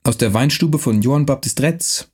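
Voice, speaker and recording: A man voicing a timid male stranger who stammers nervously, with a husky voice. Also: medium pitch, moderate pace, natural voice.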